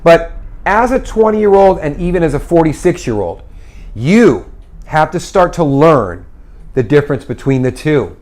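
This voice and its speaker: Lively, animated man in his forties. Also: fairly high pitch, measured pace. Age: 40s. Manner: animated, encouraging, acts out little voices. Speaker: host. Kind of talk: casual advice talk. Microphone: phone livestream.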